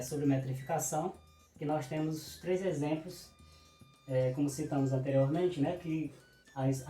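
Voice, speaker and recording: A man's voice: on the high side, warm tone. Patient male teacher. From Ceará, Brazil. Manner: patient, explanatory, stresses syllables slowly, frequent "né". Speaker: cordel poet teaching a workshop. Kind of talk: online lesson. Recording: roomy echo with faint music.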